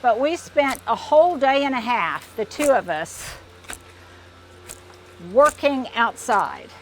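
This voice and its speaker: A woman's voice: on the high side, animated, takes it slowly, fairly bright tone, slight background noise. An older woman giving a casual tour of her backyard garden, chatty and a little out of breath, with frequent restarts as she talks outdoors. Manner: chatty, digressive, restarts often. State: slightly out of breath. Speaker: garden vlogger.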